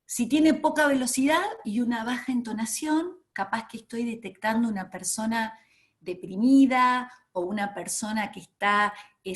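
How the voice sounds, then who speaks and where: A woman giving an online training lecture, talking in an enthusiastic, emphatic way with many fillers. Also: a little high.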